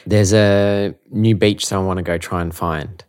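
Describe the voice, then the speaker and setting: A man's voice: deep voice, steady tone, moderate pace, a little mellow, smooth. A man with an Australian accent, chatting casually and informally as an interview guest. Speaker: musician being interviewed. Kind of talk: casual chat.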